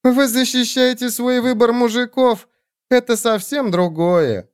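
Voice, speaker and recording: A man's voice: extremely high pitch, unhurried, smooth, no room sound, studio quality, voice pushed up. A man voicing a brazen undead woman ship captain, cheeky and blunt. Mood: mocking.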